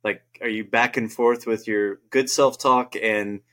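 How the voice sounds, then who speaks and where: A man hosting a podcast, asking questions in a casual, halting way with many restarts. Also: lowish voice, steady tone, fairly bright tone. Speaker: podcast host. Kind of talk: casual interview.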